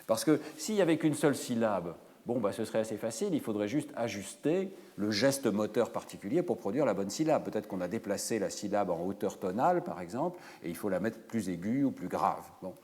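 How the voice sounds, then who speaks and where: A man's voice: lowish voice, animated, a little fast, few pauses, a little mellow. A man giving a university lecture, explaining fluently with frequent hesitation fillers. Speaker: professor. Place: lecture hall. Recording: lecture hall with long reverb.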